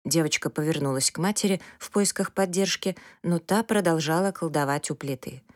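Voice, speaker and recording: Low-voiced woman reading a story. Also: fairly quick, darkish tone, no echo, clean studio sound. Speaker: narrator. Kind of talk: audiobook narration.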